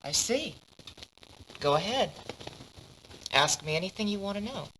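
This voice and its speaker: An actress voicing a poised, businesslike female modeling agency boss in dubbed game dialogue, smooth and guarded. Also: mid-range voice, animated, measured pace, a bit bright, a little hiss or hum, poor audio. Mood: composed.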